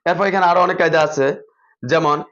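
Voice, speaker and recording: A man's voice: fairly high pitch, fast talker, fairly bright tone. A man teaching teachers how to drill children in reading, methodical and repeating set spelling patterns. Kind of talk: instructional explanation for teachers. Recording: dull lo-fi recording.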